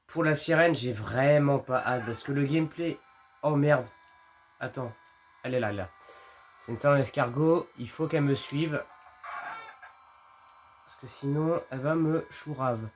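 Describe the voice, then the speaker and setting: A man's voice: mid-range voice, a little slow, long pauses. A man giving casual commentary on a horror game, reacting in a jittery, exasperated gamer way with mild swearing. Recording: music playing behind the voice. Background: game music.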